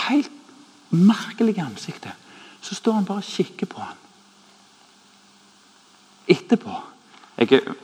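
A somewhat high-voiced, husky man preaches in a hall with long reverb. He tells stories with lively drama, acting out the people in them and sinking to a near whisper for effect. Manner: animated, acts out quoted voices, drops to hushed tones. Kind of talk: sermon with storytelling.

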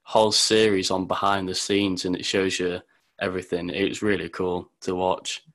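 A man's voice: low-pitched, little pitch movement, moderate pace, fairly bright tone. A young man, hosting a podcast in casual, rambling chat. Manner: friendly, easily laughing, rambling. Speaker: podcast host.

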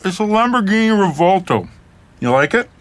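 A sheepish young pop star. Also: male voice, sits high, sing-song, moderate pace. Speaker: pop star visiting his parents. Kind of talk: audio drama acting.

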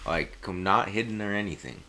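Young adult American male with a deep voice, informal buddy banter, casual chat. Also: expressive, a little fast, sharp tone, slight background noise. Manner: informal, dude-and-bro banter.

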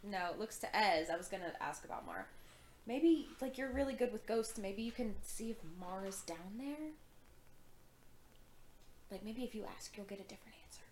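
A woman's voice: mid-range voice, expressive, moderate pace, echoey room, slight background noise. A woman playing a tabletop game, chatty and joking, with many fillers. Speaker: player. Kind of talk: casual tabletop game play.

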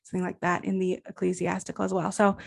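A woman's voice: on the low side, completely flat delivery, fast, gravelly. A young woman guest, a college graduate, talking enthusiastically in a casual discussion with many fillers. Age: young adult.

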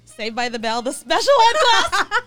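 A woman's voice: high voice, huge pitch swings, moderate pace, sharp tone. A woman with a Californian accent and valley girl way of talking, hosting with casual, crude banter. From California, United States. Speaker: host of a live call-in show. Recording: music playing behind the voice. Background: mood music.

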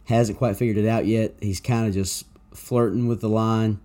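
Mellow-voiced man talking sports. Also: lowish voice, flat delivery, moderate pace. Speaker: sports podcast co-host. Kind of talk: casual sports analysis.

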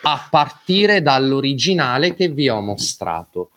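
A man's voice: medium pitch, sing-song, unhurried, fairly bright tone. A man appearing as a podcast guest, a calligrapher who tells stories in a playful, jokey way and laughs often. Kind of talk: casual podcast chat.

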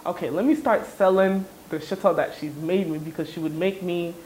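A young woman from Ghana, raised in the States, telling her story as an entrepreneur in a relaxed, chatty interview with fillers. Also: fairly low pitch, fairly quick, low-quality recording. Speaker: entrepreneur guest. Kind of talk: interview conversation.

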